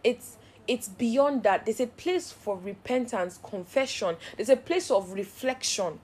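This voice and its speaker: A woman hosting a devotional Bible teaching, speaking in an earnest, heartfelt way and building repeated phrases into steady cadences. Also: a little high, a little slow, husky. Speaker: Bible study host.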